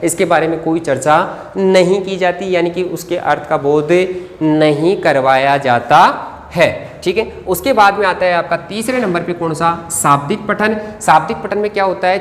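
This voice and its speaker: A Hindi teacher gives an exam-prep lecture while writing on a board. The teacher asks the class questions, answers them, and dictates notes slowly word by word. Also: mid-range voice. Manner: addresses viewers as friends. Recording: reverberant room with faint background noise.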